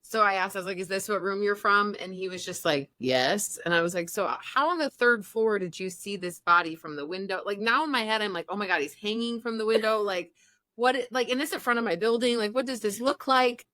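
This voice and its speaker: A woman's voice: mid-range voice, brisk, no echo. Woman in her 30s, podcast host, rambly storytelling, does little voices, dry sound. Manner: animated storyteller, acts out quotes. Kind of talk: casual storytelling chat.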